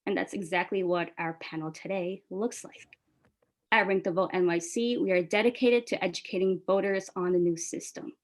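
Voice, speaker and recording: A woman from New York City who speaks Bangla hosts a press call as an organizer, moderating in an upbeat, enthusiastic, casual and friendly way. Her voice is fairly low with fairly even intonation at a normal pace.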